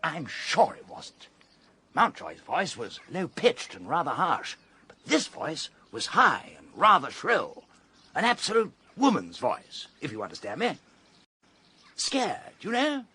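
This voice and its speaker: A flustered young gentleman in a 1920s radio mystery. His breathy voice leaps wildly in pitch as he gushes in jittery, upper-class chatter. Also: huge pitch swings, slow, full character voice. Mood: earnest. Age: young adult. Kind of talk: 1920s radio drama acting.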